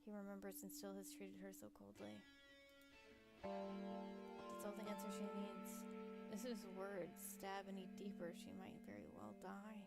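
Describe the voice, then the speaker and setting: A woman's voice: mid-range voice, level tone, unhurried, vocal fry, long pauses. Woman streamer reading narration over music. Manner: casual, laughing, stumbles over words. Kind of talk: reading game narration aloud while streaming. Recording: music playing under voice. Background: game music.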